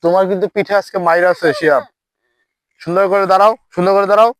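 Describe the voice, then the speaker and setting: Comedy skit: a man as a strict, scolding dance teacher at mid pitch, in a dry, close space. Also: level tone, fast, dry recording. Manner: scolding, bossy, threatens punishment.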